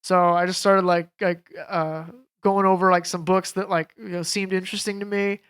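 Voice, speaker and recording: A man in his thirties, a guest on a podcast, telling casual stories in a rambling, animated way with lots of fillers. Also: high voice, moderate pace, clean tone. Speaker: podcast guest, jiu jitsu coach. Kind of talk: casual storytelling chat.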